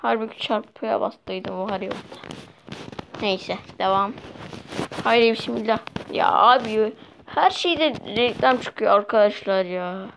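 With a creaky mid-range voice and a slightly slow delivery, a young woman gives casual commentary on a mobile game. She's chatty with viewers and easily frustrated. The audio is low-quality and muted, carrying faint noise.

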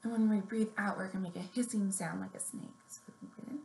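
A woman in her thirties hosting a children's story time gives little kids simple, encouraging instructions at a quick pace. Her medium-pitched voice stays steady in tone and sounds creaky but mellow, picked up by a webcam or laptop at arm's length amid roomy echo and noticeable background noise.

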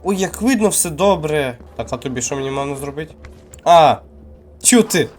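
A man's voice: on the high side, normal speed. Jumpy Ukrainian man playing a horror game. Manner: excitable, jumpy, mutters to himself. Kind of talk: live gameplay commentary. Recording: game music playing underneath.

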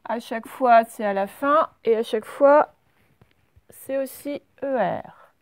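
A middle-aged woman, a primary school teacher giving a slow, patient spelling lesson with many fillers. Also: fairly high pitch, no room sound. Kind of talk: recorded spelling lesson for young pupils.

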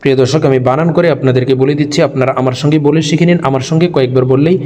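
A man's voice: mid-range voice, steady tone, very fast, dark tone. A man teaching Quran reading, patiently spelling out each letter and vowel mark before reading the word. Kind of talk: spelled-out recitation lesson. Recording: long hall reverb.

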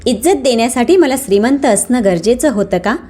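A woman voicing a calm, dignified older mother who speaks firmly, in a narrated story. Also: a little high, a little fast. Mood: stern. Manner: calm, firm.

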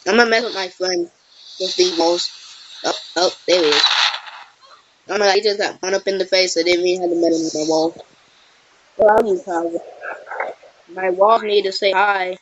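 A woman's voice: fairly low pitch, steady tone, moderate pace, long pauses, lo-fi sound, noisy background. A woman hosting a casual gameplay recording, teasing and trash-talking her friend as she plays. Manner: playful teasing trash talk. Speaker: gameplay channel host.

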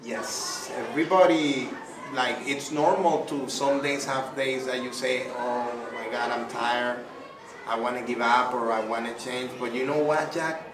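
A middle-aged Venezuelan man, an artist being interviewed by a child, answers questions effusively and with lots of fillers in a casual interview. His voice is medium-pitched and fairly even, and he takes his time. The small indoor room echoes, the mic is distant, and the recording is noisy.

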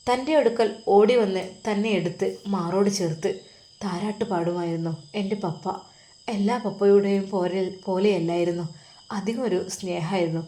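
A woman with a Malappuram Malayalam accent narrates a family story. Her storytelling is tender and emotional, at an ordinary middle pitch. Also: warm tone.

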